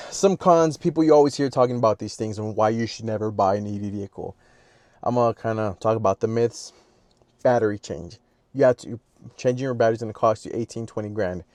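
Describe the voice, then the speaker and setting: This man's mid-range, somewhat dark voice moves a little fast, and there's no echo. He has a Mexican Spanish accent and rambles self-deprecatingly in a casual vlog to camera, recorded outside at a public car charger.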